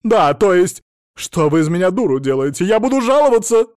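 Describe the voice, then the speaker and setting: A shrill, overbearing older woman, put on by a male narrator, her voice leaping high and loud as she screeches and rails in indignation. The sound is dry and close, a storybook reading. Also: animated, a little fast, no echo. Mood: indignant. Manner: screeching, indignant, theatrical sobbing. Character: shrill, hysterical older woman, domineering mother.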